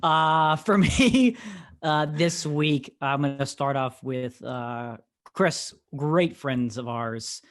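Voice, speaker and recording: A man from the Pittsburgh area co-hosting a casual podcast over a remote call, exasperated and joking, laughing often. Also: medium pitch. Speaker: podcast co-host.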